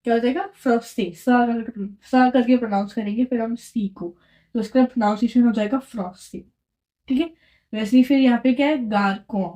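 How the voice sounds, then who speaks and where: A woman teaching French at a whiteboard speaks in a dark-toned voice on the high side, with fairly even intonation and a moderate pace. She explains patiently, repeating herself and often checking in with "right?".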